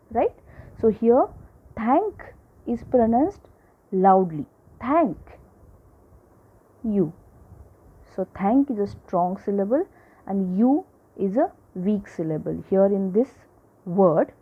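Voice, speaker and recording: A woman teaching a lesson to children, slowly repeating each example and checking in with her listeners. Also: on the high side, slightly rough. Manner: slow, repeats examples, checks in with "right?" and "okay?". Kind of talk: classroom lecture. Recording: tinny phone-like audio.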